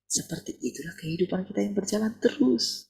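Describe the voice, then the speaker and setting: A man's voice: high-pitched, fairly quick, creaky, a little mellow, husky, rough recording. A man preaching a sermon in a conversational way, often turning to address his listeners directly.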